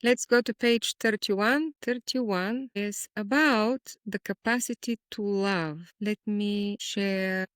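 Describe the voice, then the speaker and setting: A Bulgarian-born woman, a guest poet, talking in a reflective, measured way in an interview. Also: medium pitch, a bit bright, smooth, no echo, studio quality. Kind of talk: conversational interview.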